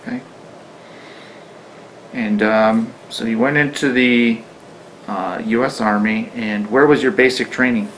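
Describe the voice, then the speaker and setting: A man asking measured questions as an oral-history interviewer. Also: mid-range voice, fairly even intonation, fairly bright tone, a little hiss or hum, poor audio.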